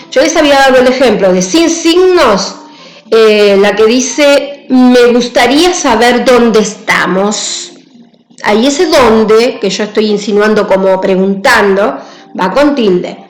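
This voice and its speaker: A woman's voice: fairly high pitch, lively intonation, unhurried, reverberant, faint music behind, rough recording. A woman teacher giving a grammar lesson, patient and careful, often checking in with her students. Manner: patient, repeats key points with "¿sí?".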